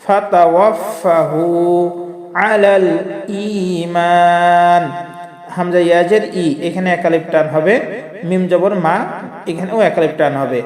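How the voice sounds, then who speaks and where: A man teaching a prayer word by word, chanting each word slowly in a melodic way and then explaining the pronunciation rules quickly. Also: a little high, a little mellow, roomy sound, big-room sound, soft background music. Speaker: Quran recitation teacher. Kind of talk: word-by-word recitation lesson.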